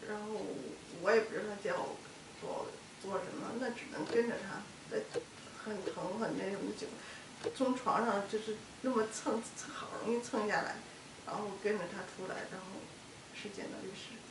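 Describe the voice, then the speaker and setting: A woman being interviewed who recounts an ordeal, speaking haltingly and often repeating words. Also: medium pitch. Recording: echoey room, mic far off, noisy.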